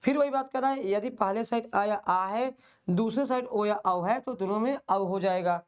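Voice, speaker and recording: A man's voice: high-pitched, normal speed, smooth. A male teacher giving an online exam-prep lecture, patiently explaining and drilling by repeating questions and answers.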